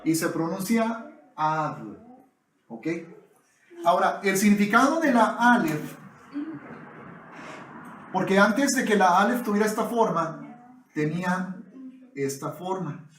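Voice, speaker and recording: A man delivers a sermon in a fairly high voice at a slow, measured pace. He keeps addressing the congregation as brothers and asks them to agree with him. The sound carries the echo of a church hall. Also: expressive, a bit bright. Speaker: preacher.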